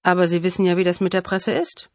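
A woman's voice: fairly low pitch, steady tone, quick pace, darkish tone, no room sound, natural voice. A woman voicing a grown male killer who sneers and taunts, savoring his power, in a dry, close reading. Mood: taunting.

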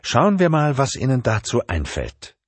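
A male narrator playing a cold, menacing tattooed kidnapper who speaks calmly. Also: mid-range voice, measured pace, slightly rough, no room sound, voice pushed up, heavily acted. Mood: cold menace.

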